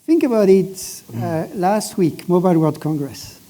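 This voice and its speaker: Dark-voiced man on a conference panel. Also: high-pitched, animated. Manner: measured, emphatic, restarts phrases. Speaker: panelist, satellite operator executive. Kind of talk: industry panel discussion.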